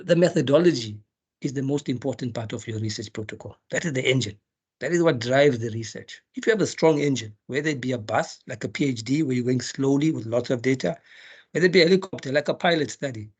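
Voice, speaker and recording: A middle-aged South African dental researcher with a husky, mid-range voice gives a chatty webinar lecture. He teaches in a jokey way, full of rhetorical questions and light humor.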